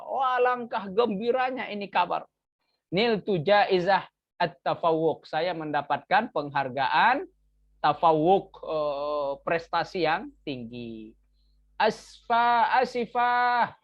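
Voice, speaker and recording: A woman's voice: low-pitched, dry recording. Woman teaching Arabic in a dull, dry recording. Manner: reads Arabic examples aloud, then explains in casual Indonesian with fillers. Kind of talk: online lesson explaining Arabic grammar.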